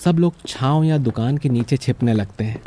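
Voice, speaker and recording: A man narrating a cartoon story in a calm, even storytelling manner. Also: mid-range voice, moderate pace, slight background noise.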